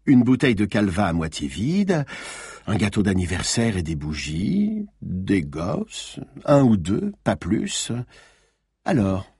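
A man's voice: low voice, darkish tone, husky, no room sound, clean studio sound, full character voice. A man voicing a playful young woman who teases a sleepy lover and dreamily describes her idea of treasure. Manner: teasing, playful, wistful.

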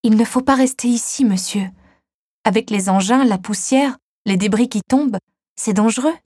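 A woman voicing a kind young girl who asks questions in an earnest, higher voice. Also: moderate pace, darkish tone, husky, no echo, studio quality. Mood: concerned. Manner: earnest, raised pitch when questioning.

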